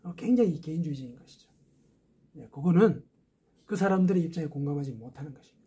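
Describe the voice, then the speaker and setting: A man's voice: on the high side, lively intonation, fast, dark tone, slightly rough. A man preaching a sermon as a pastor, explaining step by step with rhetorical questions.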